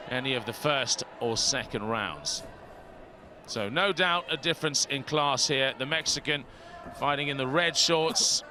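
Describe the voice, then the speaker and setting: A man giving live boxing commentary in a measured, matter-of-fact way. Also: mid-range voice, sharp tone, slight background noise. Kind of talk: live television sports commentary.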